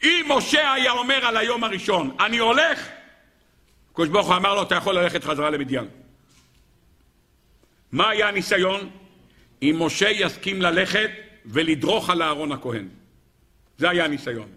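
A man giving an animated Torah lecture to an audience, acting out quoted dialogue and asking rhetorical questions. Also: sits high, pauses often.

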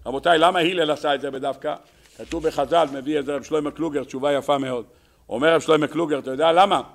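A man giving a holiday sermon as a rabbi, telling stories and quoting sayings, his voice climbing high and loud at the key lines. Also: steady tone. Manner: storytelling preacher, voice rising high and loud for quoted sayings.

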